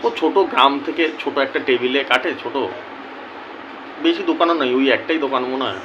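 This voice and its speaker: A young man telling viewers a story in a casual, animated way, acting out both sides of a conversation. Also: mid-range voice, brisk, dull audio, background noise. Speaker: lottery tips YouTuber.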